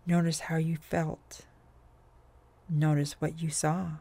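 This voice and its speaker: Slow, gravelly-voiced man guiding hypnosis. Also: a little high, level tone, dry recording. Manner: slow, soothing, drawn-out phrasing with soft whispered stretches. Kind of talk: guided hypnosis script.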